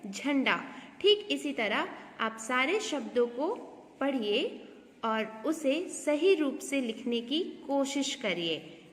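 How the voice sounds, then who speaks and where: A woman teaches a grammar lesson, speaking very slowly and repeating each word aloud. She keeps asking what the correct form is. Her slightly high voice rings with long reverb, and a faint hiss sits under it. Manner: slow, drilling words aloud with repeated questions. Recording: echoey room with long reverb, faint noise.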